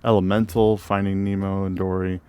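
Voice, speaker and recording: Low-voiced man hosting a halting movie chat. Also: little pitch movement, mellow, clear, resonant tone, no room sound. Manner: reads film credits in a halting way, with fillers and restarts. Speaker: podcast co-host. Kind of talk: casual movie podcast chat.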